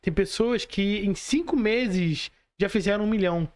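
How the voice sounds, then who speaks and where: A Brazilian woman, a podcast host and mentor, talks casually and motivationally, repeating phrases and posing rhetorical questions to her listeners. Her voice is medium in pitch, unhurried and a little mellow.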